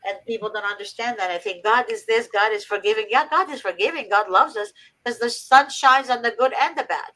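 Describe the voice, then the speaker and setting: A woman's voice: a little high, fairly quick, hardly any pauses, sharp tone, low-quality recording. A woman from Egypt hosting a faith-based advice talk, earnest and preachy with emphatic repetition. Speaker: host.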